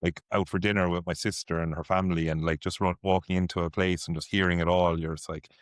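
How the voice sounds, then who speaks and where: A man's voice: deep voice, level tone, fast, dry recording, studio quality. A man with a Waterford Irish accent chatting bluntly on a podcast. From Ireland, Waterford. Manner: blunt, swears. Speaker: podcast co-host. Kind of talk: casual chat.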